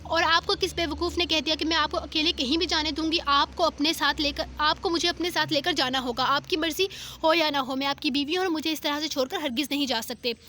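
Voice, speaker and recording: A woman voicing a lively, stubborn young wife who insists eagerly. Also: high voice, quick pace, a little hiss or hum. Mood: defiant.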